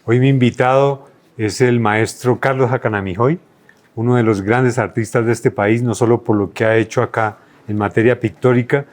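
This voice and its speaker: A man's voice: medium pitch, steady tone, normal speed, darkish tone. A man hosting a formal newspaper interview, polite and deferential toward his guest. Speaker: interviewer, host.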